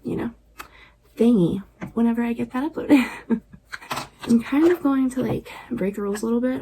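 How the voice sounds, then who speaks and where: A woman chatting casually through a makeup tutorial at home at night, relaxed and chatty, often dropping to a near-whisper. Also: a little high, gravelly, slight background noise, rough recording. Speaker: beauty vlogger.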